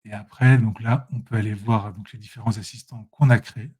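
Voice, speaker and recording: This presenter has a husky, darkish voice pitched on the low side, speaking a little fast with fairly even intonation. He shows off software in a casual live screen share, talking right to viewers through a computer mic and correcting himself along the way.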